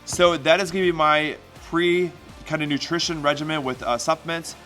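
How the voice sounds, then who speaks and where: A man's voice: a little high, steady tone, moderate pace, sharp tone, faint music behind. A man talking casually as a fitness vlogger, explaining things in an instructive way and checking in with listeners. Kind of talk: casual explanatory vlog talk.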